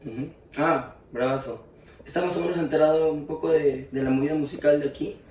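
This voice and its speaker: A man's voice: fairly high pitch, steady tone, a little fast, darkish tone. Curious man hosting, echoey room. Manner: curious, chatty, asks follow-up questions. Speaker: interviewer host. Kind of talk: casual interview chat. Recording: roomy, distant mic with faint noise.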